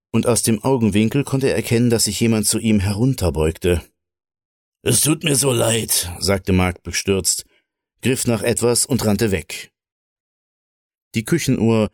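A man reads a short story aloud in a calm, measured way. His voice sits low, and the sound is dry and close with no room echo. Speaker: narrator.

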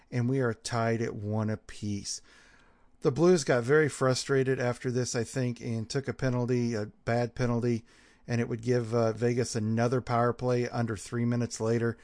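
Podcast guy doing casual sports recap, normal pitch, kinda halting, dry close sound. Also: darkish tone, dry recording. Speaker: podcast host.

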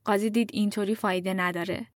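A woman narrating a true story in a calm, measured storytelling voice. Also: medium pitch, no room sound, clean studio sound. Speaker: podcast narrator.

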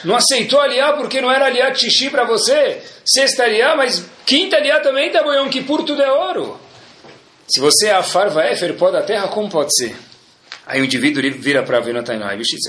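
Brief: high-voiced man, bright sharp tone, animated religious storyteller, echoey room. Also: fast talker. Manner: animated storyteller, mixes in Hebrew prayer terms.

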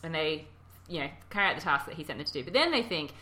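A woman co-hosting a casual history chat, animated and laughing, who slips into character voices when telling the story. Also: low-pitched, very fast. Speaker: podcast co-host.

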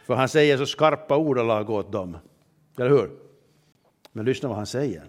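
A man preaching a sermon in an earnest way, often asking rhetorical questions and reading scripture aloud with emphasis. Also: medium pitch.

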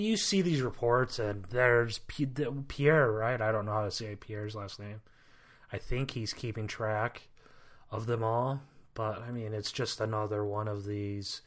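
A man's voice: lowish voice, fairly bright tone. A man co-hosting a podcast, talking casually with a wry, curmudgeonly edge. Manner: wry, self-described curmudgeon. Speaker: podcast co-host. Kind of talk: casual chat.

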